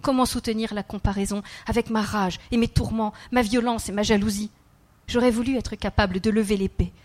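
A woman's voice: mid-range voice, a little mellow. A woman narrating a novel in the first person, dramatic and emotional. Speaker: audiobook narrator.

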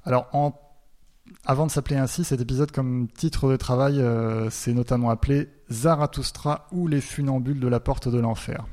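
A man's voice: mid-range voice, steady tone, normal speed, darkish tone. A man giving a lecture, speaking hesitantly with many fillers and repeated words.

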